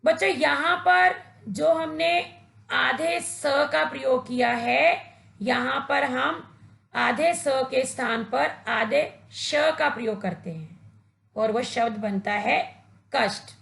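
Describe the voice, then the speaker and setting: A woman's voice: sits high, takes it slowly, creaky, a bit bright, roomy sound. A woman teacher giving a patient, instructive grammar lesson to children, addressing them directly. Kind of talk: slow, deliberate Hindi grammar lesson for children.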